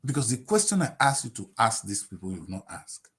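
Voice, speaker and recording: A man in his late fifties with a Nigerian accent, giving impassioned political commentary on TV, firing off rhetorical questions and swinging between shouting and low mutters. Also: big pitch swings, fairly quick. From Nigeria (Delta State). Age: 50s.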